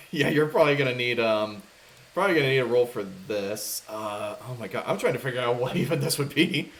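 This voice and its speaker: A man running a tabletop game as game master, narrating in a rambling, relaxed way full of fillers. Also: mid-range voice, brisk.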